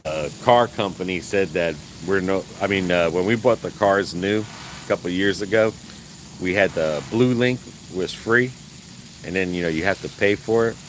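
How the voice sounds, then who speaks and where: Low-voiced chatty man outdoors. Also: moderate pace, a little hiss or hum, rough recording. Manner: rambling, chatty, laughs often, folksy. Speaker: vlogger. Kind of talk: casual live-stream chat while gardening. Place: outdoors in a garden.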